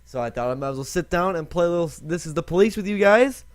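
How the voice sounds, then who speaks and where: Narrating a casual gaming session, a young man talks fast with lively intonation, rambling and fixing his own slips. The audio has no echo, and he remarks that his voice is lower than usual today.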